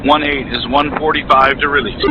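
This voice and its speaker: A man's voice: mid-range voice, steady tone, a little fast, lo-fi sound, background noise. A man giving instructional, directive radio calls and briefings as a flight lead in a flight simulator.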